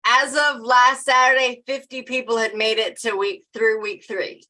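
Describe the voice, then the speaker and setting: Casting note: woman, live-stream co-host, bright voice a touch high, chatty and giggly. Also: flat delivery, normal speed, low-quality recording. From Maryland, USA. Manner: laughs often, chatty with restarts. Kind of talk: casual live-stream chat.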